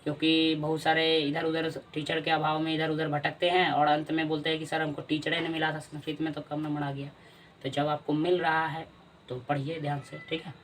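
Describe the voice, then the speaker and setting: A man's voice: fairly high pitch, monotone, fairly quick, fairly bright tone, far from the mic, a little hiss or hum. A male teacher with a Bihari Hindi accent giving a grammar lesson, often repeating key answers as questions to his students.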